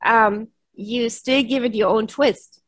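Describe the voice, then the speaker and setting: A middle-aged woman, a native German speaker and keynote speaker, chats cheerfully on a video call from her home office using a headset, laughing often and sprinkling in lots of "yes" and "right." Her voice sits on the high side and is a bit bright, with a steady tone and a slow pace. There's no room sound.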